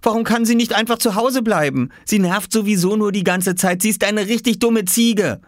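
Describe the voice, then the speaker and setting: A man voicing a hot-tempered, jealous young boy who bursts out in shrill, indignant protests, in a storybook reading. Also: moderate pace, no room sound, clean studio sound, close to an everyday voice.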